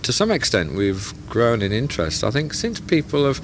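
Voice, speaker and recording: A radio club founder speaks in a medium-pitched voice with huge swings in pitch, at a moderate pace over background noise. Answering interview questions about his hobby club, he explains things patiently using plain comparisons.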